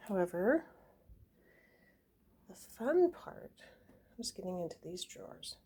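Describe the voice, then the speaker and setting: A husky, warm, medium-pitched voice with big pitch swings and a slow pace belongs to a young homesteading vlogger. At home, she shows an item to her camera in casual show-and-tell, chatty and giggly with many fillers and small laughs.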